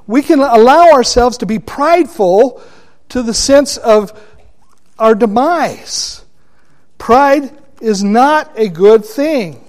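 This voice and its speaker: A man teaching a Bible study class, deliberate and asking his listeners questions. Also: extremely high pitch, animated.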